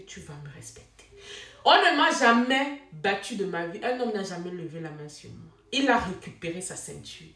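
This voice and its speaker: A young woman telling her own story in casual talk, dramatic and animated, with sudden exclamations. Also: medium pitch, recorded from a distance. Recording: echoey room, a bit off mic.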